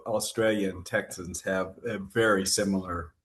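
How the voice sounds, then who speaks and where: Brief: middle-aged pastor co-host, lower voice, halting and full of fillers. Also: male voice, steady tone, a bit bright, a little hiss or hum. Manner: hesitant storyteller, many "uh"s, laughs mid-story. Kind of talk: casual chat.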